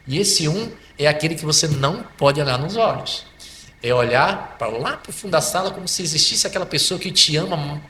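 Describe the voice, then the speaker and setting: Brazilian male psychologist guest, bright forceful voice, animated and repetitive delivery. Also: a little high. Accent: Brazilian Portuguese. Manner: animated, repeats and restarts words. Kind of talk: conversational explanation. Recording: faint background noise.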